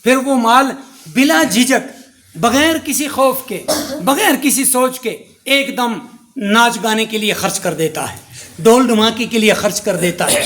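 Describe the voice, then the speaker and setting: A middle-aged man preaches a sermon in a strikingly high voice. He builds his points in rhythmic, repetitive lists, one short phrase after another. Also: a bit bright. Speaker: mufti preaching.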